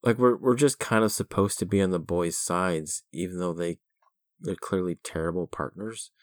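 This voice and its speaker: A middle-aged man co-hosting a podcast, chatting casually about a film with wry chuckles and halting restarts. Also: deep voice, no echo, clean studio sound. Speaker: podcast co-host.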